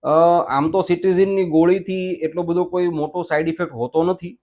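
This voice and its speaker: A man, an ENT doctor answering interview questions in a measured, explanatory way, mixing in English medical terms. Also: high-pitched, steady tone, a little mellow.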